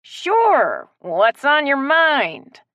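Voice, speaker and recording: A woman's voice: high voice, moderate pace, dry recording, highs cut off, voice pushed up. A woman voicing a protective, hot-tempered tree-climbing woman who barks orders like a drill sergeant. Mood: clenched anger. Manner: commanding, strained calm.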